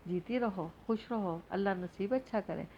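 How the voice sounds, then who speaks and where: A woman's voice: medium pitch, moderate pace, a little mellow, lo-fi sound, a little hiss or hum, close to an everyday voice. A woman voicing an older aunt who gives blessings and fond wishes, in a novel reading.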